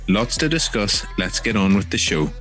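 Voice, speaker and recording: A man's voice: fairly low pitch, sing-song, moderate pace, fairly bright tone, soft background music. A man with a Northern Irish accent, hosting a news podcast as a journalist with scripted introductions and interview questions.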